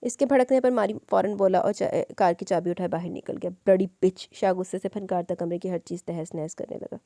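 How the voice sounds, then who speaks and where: A woman narrating a romance novel as an audiobook, reading in a quick, even storytelling way. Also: on the low side, creaky, no room sound, clean studio sound.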